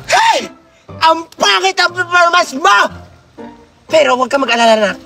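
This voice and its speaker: A man putting on the voice of a bossy middle-aged woman who hands out gifts to children and scolds them loudly. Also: expressive, moderate pace, vocal fry, soft background music, full character voice. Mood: mocking. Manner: scolding, shrill, theatrical.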